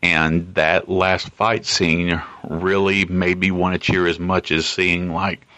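A man leaving a voice message for a podcast, polite and measured, with frequent "uh" fillers, heard as a recorded message played back. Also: sits low, little pitch movement, bright, forceful tone, no echo. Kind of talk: casual spoken message. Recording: dull lo-fi voicemail audio.

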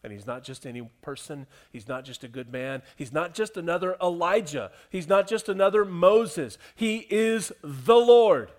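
A man with a high, light voice preaches a sermon as a pastor. He drops from ringing emphasis to near-hushed quiet, repeating phrases and putting questions to his listeners. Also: lively intonation, normal speed, few pauses.

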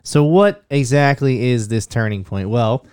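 A man's voice: mid-range voice, animated, unhurried, darkish tone, smooth, no echo, studio quality. A young man hosting a casual podcast, joking and swearing loosely, his voice thick with phlegm. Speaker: podcast host.

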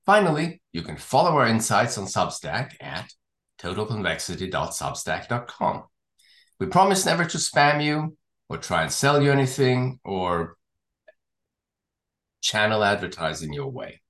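A man co-hosting a podcast, explaining things in a measured, orderly way. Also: fairly low pitch, big pitch swings, fairly bright tone, roomy sound. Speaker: podcast co-host. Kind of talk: podcast discussion, summarizing and signing off.

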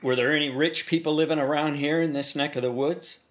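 A man's voice: fairly high pitch, steady tone, fairly quick. Man asking casual interview questions.

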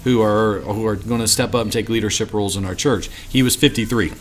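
A man's voice: on the low side, steady tone, a little fast. A man hosting a ministry podcast in casual chat, rambling and repeating words as he restarts his thoughts. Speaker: podcast host for ministry assistants.

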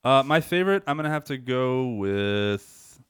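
A man's voice: medium pitch, measured pace, clear, resonant tone, dry recording, studio quality. A man hosting a podcast in casual chat, joking and telling stories animatedly. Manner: animated, joking, lively storytelling. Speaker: podcast host.

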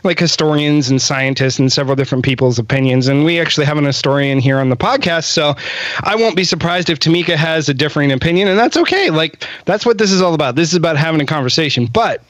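A man's voice: fairly high pitch, fast, no echo. Man hosting a podcast, dry sound. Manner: relaxed, steering the talk. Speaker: podcast host. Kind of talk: casual chat.

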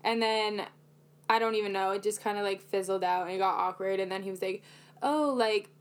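A woman's voice: medium pitch, completely flat delivery, fast talker. Chatty young woman telling a dating story. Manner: chatty storytelling, lots of "like" fillers, self-mocking. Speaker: podcast co-host. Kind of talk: casual chat.

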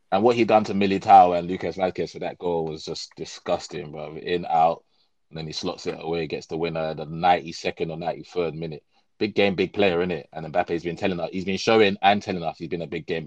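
A man talking football with friends on a casual podcast, excitable and jokey, acting out quotes loudly. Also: low voice, no echo. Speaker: podcast co-host.

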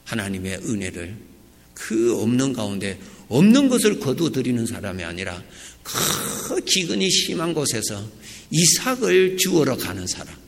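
Gravelly-voiced man preaching with swinging pitch. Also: normal speed. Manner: lively preaching, rising to emphatic peaks and dropping to soft asides. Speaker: pastor. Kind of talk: sermon. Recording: reverberant church hall.

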